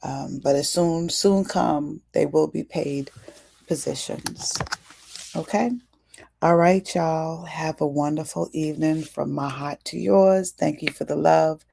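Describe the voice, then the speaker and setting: Her voice sits low, creaky, husky, and mellow, moving slowly with fairly even intonation. As host of a livestream talk, she's casual and preachy, quizzing her audience and calling them y'all.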